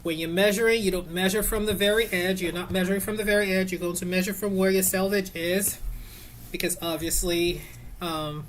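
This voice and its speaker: A woman's voice: fairly low pitch, fairly even intonation, brisk, a little hiss or hum. A woman casually teaching an easy sewing project at home, chatty and rambling, with many fillers and self-corrections.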